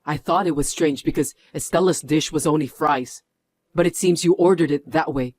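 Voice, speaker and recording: A man's voice: a little high, moderate pace, dry recording, lightly acted. A man playing a stern company executive who scolds his mother with a firm manner in a dubbed drama. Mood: indignant.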